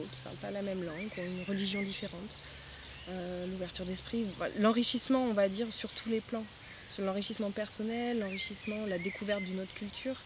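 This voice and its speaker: Young woman talking over outdoor noise. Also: mid-range voice. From France. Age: 20s. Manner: hesitant, many fillers. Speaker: festival volunteer. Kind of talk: casual interview answers.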